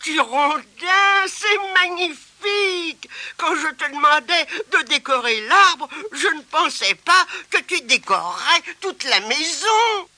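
Storybook granny, old, kindly, fussy, high bright voice, played by a man. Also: very animated, slow, no echo, exaggerated voice. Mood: delighted. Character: kindly old grandmother baking Christmas cake.

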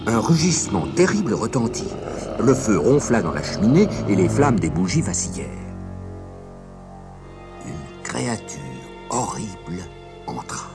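A man narrating a fairy tale in an expressive, dramatic reading. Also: low-pitched. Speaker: storyteller.

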